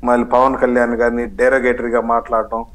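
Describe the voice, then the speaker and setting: A man's voice: medium pitch, monotone, normal speed, low-quality recording. A man speaking as a party spokesman in a heated TV news debate, combative and sarcastic, slipping in English phrases.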